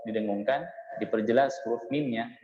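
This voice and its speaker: Speaking at medium pitch with a darkish tone, an Indonesian man teaches Quran recitation in an echoey mosque hall, the audio dull, lo-fi, and carrying slight background noise. He goes through every rule patiently, chanting sample words slowly and frequently adding a brief "ya" to check in.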